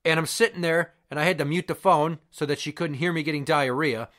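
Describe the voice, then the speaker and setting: A man's voice: a little high, brisk, a bit bright. A middle-aged man delivering a casual personal rant in a blunt, exasperated way, with plenty of swearing. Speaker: host of a rant show.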